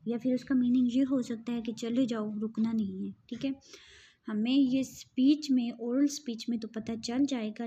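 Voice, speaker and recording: A woman's voice: fairly high pitch, warm tone, husky, lo-fi sound. A woman giving an explanatory online grammar lesson as an English teacher, patiently repeating points and checking in with her listeners.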